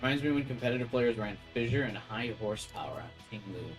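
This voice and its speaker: Streaming a video game, a man chats casually with game music and sounds in the background. He speaks quickly in a mid-range voice with lively intonation, and the audio quality is poor.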